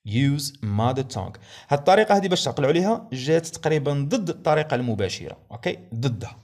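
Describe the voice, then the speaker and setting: A young man with a Moroccan Arabic accent lecturing on language teaching methods. He reads English headings slowly, then explains them in Darija. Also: a little high, lively intonation, darkish tone.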